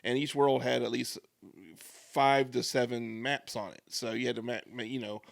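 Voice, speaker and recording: Gravelly 40s guy rambling about old memories, dry close sound. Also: mid-range voice, little pitch movement, normal speed, dry recording. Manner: rambling, nostalgic storyteller. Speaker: podcast co-host. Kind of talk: casual chat.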